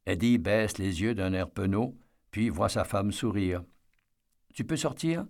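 Gravelly low-voiced male narrator. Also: fairly even intonation, measured pace, a little mellow. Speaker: audiobook narrator. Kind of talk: scripted narration of a novel.

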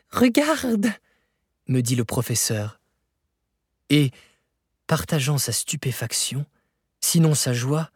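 A man reading a novel aloud as an audiobook narrator, measured and expressive, rising in pitch for dramatic moments. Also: slightly rough, no echo, studio quality.

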